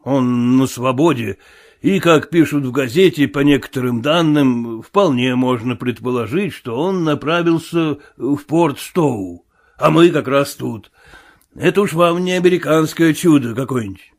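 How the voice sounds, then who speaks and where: A man doing a gruff chatty old sailor. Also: mid-range voice, pitched below the performer's own voice, natural voice. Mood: grumbling gossip. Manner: gossipy, grumbling, quick to anger.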